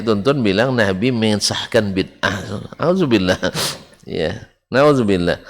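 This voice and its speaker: Lively male preacher in a reverberant hall. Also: fairly low pitch. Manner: animated, questions the audience often, chuckles. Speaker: Islamic preacher teaching a book study. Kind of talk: religious lecture to a congregation.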